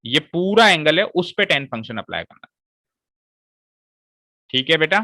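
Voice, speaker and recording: Male maths teacher, bright forceful voice, walks students through each step, dry close recording. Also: on the high side, very animated, a little slow, dry recording, poor audio. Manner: explains step by step and checks with students. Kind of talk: classroom maths lesson.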